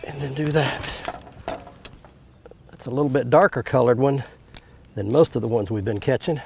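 A middle-aged man hosting a fishing show from a boat on a lake, explaining technique and getting excited when a fish bites. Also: medium pitch, moderate pace, gravelly, over music. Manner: explanatory, bursts into excited asides on catches. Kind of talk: on-the-water fishing instruction.

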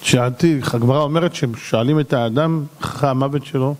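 A rabbi giving an animated sermon, acting out little dialogues and shouting at the peaks. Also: male voice, medium pitch, long reverb tail.

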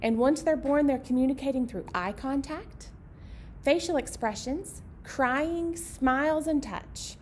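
A children's librarian in her thirties presents a storytime in an indoor meeting room, speaking simply to young kids and their parents. Her voice is high with a darkish tone and a measured pace, and background noise is clearly audible.

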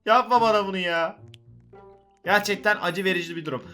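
Excitable high-voiced male gamer. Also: a little fast, soft background music. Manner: excitable, joking, talks to viewers. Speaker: gaming video host. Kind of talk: casual gameplay commentary.

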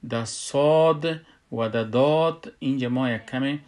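Male teacher, mid-pitched voice. Calm lesson delivery, repeating syllables and stretching recited words. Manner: drills syllables one by one, drawing out recited words slowly. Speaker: tajweed teacher. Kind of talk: recorded lesson.

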